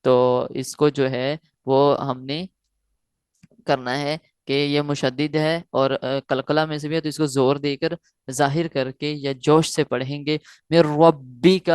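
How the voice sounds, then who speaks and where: A man teaching Quran recitation online, explaining each rule and then slowly reciting each phrase several times. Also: mid-range voice, level tone, clear, resonant tone, no room sound, studio quality.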